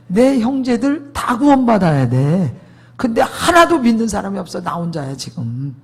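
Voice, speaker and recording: Man, preacher, sermon testimony, husky, emphatic, rhetorical questions. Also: high-pitched, very animated, moderate pace.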